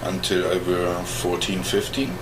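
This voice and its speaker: A man in his forties with a German accent, German his first language, answering questions in an oral history interview, halting as he searches for English words and chuckling often. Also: low-pitched, little pitch movement, background noise. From East Germany. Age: 40s.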